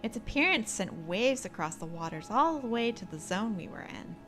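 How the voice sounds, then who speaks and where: A woman's voice: fairly high pitch, very animated, moderate pace, fairly bright tone, soft background music. A woman reading game dialogue aloud in a theatrical manner, breaking off for casual asides.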